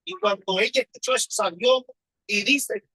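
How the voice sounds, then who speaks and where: A man's voice: sits high, moderate pace, pushed and bright, breathy edge, dry recording, rough recording. A man preaching a personal testimony sermon, telling his story with emotion and asking rhetorical questions.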